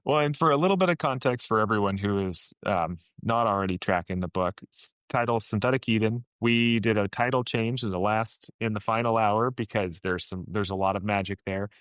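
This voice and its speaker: A man's voice: on the low side, brisk, few pauses, a bit bright, clean tone, dry recording, rough recording. A man hosting a podcast interview, speaking in an earnest, conversational way that restarts his sentences now and then. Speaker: podcast host.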